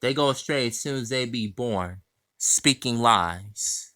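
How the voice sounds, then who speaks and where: A man's voice: medium pitch, a little slow, bright, forceful tone, no echo. A man who cites chapter and verse, reads passages aloud and comments on them in an insistent way. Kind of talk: scripture quoting and commentary.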